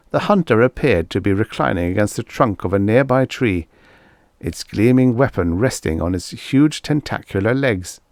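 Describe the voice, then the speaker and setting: A man with a lowish, slightly mellow voice reads a scripted story as an audiobook narrator. The recording is dry and clean, with studio sound.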